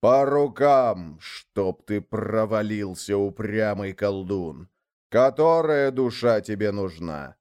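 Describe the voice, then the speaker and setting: A man puts on a giant lord of the dead in a storybook tale, booming and growling with heavy, drawn-out words. His voice swings between low rumbles and loud outbursts, wrathful and scornful. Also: lively intonation, clear, resonant tone. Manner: thundering, growling, slow.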